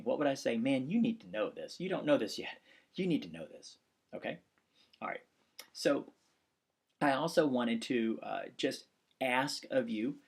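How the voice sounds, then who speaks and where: Gravelly forty-something man, earnest. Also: mid-range voice. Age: 40s. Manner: rambling, earnest, with many restarts and fillers. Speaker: instructor and pastor. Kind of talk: casual course announcement video.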